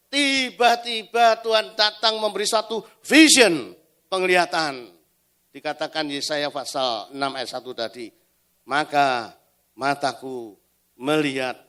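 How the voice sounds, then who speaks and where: A man preaching a sermon at a church retreat. He swings between loud exhortation and hushed storytelling. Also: high-pitched.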